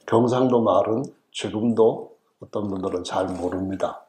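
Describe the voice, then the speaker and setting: Middle-aged Korean man from the central region, pastor; humorous, folksy sermon delivery, lowish voice, church echo. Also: normal speed, warm tone, slight background noise. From Chungcheong region, South Korea. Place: church sanctuary.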